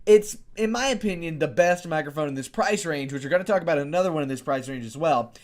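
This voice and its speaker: A young American YouTube host reviews microphones, talking straight to viewers through a close desktop condenser studio mic. He is chatty, informal and rambling, often asking himself questions. His fairly high voice, not deep or bassy, has a darkish tone, and he talks fast.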